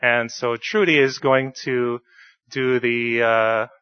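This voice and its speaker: Brief: church storyteller for kids, mid-pitched man, playful sound effects, dull, dry recording. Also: steady tone, slow, smooth, no room sound. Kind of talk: children's sermon storytelling.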